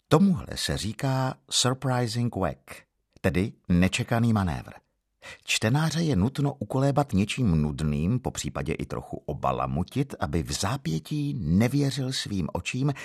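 Man, low gravelly voice, husky, deadpan self-ironic story reading, lively pitch. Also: no room sound, studio quality. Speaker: author reading his own story. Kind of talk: humorous first-person story reading.

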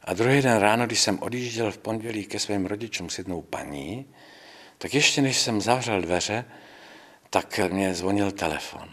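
Older male priest, deep voice, husky tone, storytelling, quoting conversations, calm and firm. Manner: storytelling, acts out quoted dialogue. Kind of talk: recounting memories in an interview.

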